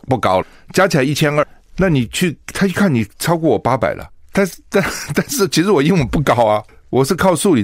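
A man's voice: medium pitch, no echo, studio quality. A man from Taiwan hosting a radio talk show, giving solo news commentary in a chatty way, often asking his listeners rhetorical questions. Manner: chatty, asks rhetorical questions, laughs at own stories.

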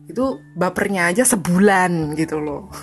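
A woman's voice: lowish voice, animated, takes it slowly, faint music behind. A woman in her thirties hosting a casual solo podcast, chatty and confessional, often laughing and slipping into English phrases. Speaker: podcast host.

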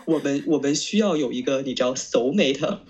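A woman co-hosting a casual podcast chat, rambling through her thoughts with lots of fillers and quick agreement. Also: a bass voice, lively intonation, a little mellow, slight background noise. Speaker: podcast co-host.

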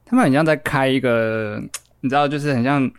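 A man, co-hosting a casual podcast with teasing, quick remarks. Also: medium pitch, clean tone, no echo, studio quality. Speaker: podcast co-host. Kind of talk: casual chat.

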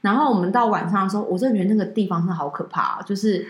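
A woman's voice: medium pitch, racing. A woman, co-hosting a casual chat and telling a story animatedly. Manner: animated storyteller, acts out quoted dialogue. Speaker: podcast co-host. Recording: echoey room.

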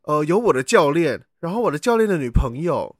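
A man's voice: on the high side, big pitch swings, brisk, no room sound, studio quality. A man, hosting a casual podcast and animatedly telling a dream story, acting out sounds as he goes. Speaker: podcast host.

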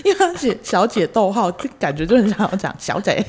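A woman with a Taiwanese accent hosting a casual podcast, reading stories aloud in an animated, theatrical way. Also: medium pitch, fast talker, slight background noise. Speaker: podcast host.

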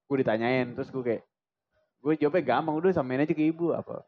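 Rapid, rambling young man. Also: mid-range voice. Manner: rambling with fillers, joking, slangy. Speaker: podcast co-host. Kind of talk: casual chat. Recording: slightly dull podcast recording.

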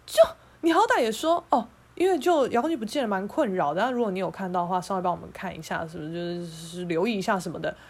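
A woman's voice: mid-range voice, fast. A woman with a Taiwanese Mandarin accent hosting a podcast, telling a story in a heated, profane, sarcastic rant. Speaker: podcast host.

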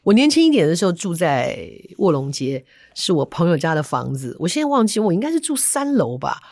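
Woman, podcast host, animated storyteller, dry close mic. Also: fairly low pitch, a little fast, no room sound. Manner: animated, acts out sounds and voices. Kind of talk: lively storytelling chat.

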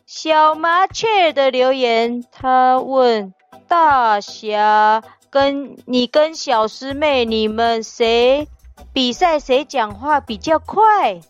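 Woman as a giggly pet dog co-host, Taiwanese Mandarin accent, high voice, dull audio, soft music behind. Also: extremely slow, clear, resonant tone. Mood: playful. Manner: playful, giggly, teasing. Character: friendly stray-turned-pet dog, playful and chatty. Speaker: podcast co-host. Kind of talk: reading and answering listener comments.

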